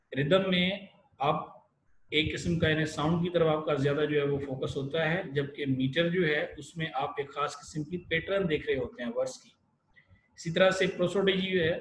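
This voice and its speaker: A man giving an online literature lecture. He explains step by step and often pauses, restarts and fills gaps. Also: a little high. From Pakistan. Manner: explanatory, many fillers and restarts. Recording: echoey room with faint hiss.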